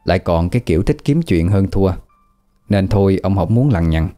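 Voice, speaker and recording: A man narrating a ghost story in a steady storytelling manner. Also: low-pitched, moderate pace, soft background music.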